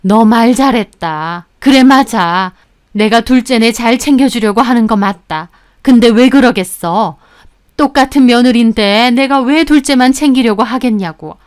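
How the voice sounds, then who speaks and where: A woman voicing a blunt, scolding older mother-in-law in a told story, speaking with reproach and slow emphasis. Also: fairly high pitch, lightly acted. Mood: reproachful. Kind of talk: scripted storytelling.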